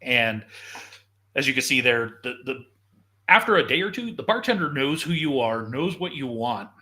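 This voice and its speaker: A man's voice: mid-range voice, expressive, moderate pace, bright, forceful tone. A man hosting a casual live show, enthusiastically walking viewers through video footage like a tour guide. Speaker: show host.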